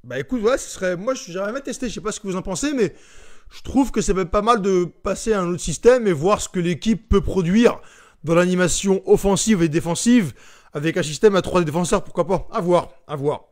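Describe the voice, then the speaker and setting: A young man with a fairly high-pitched voice hosts a casual live stream, talking straight to his viewers. He reads their comments aloud and answers each one in a relaxed, chatty manner. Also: fairly quick.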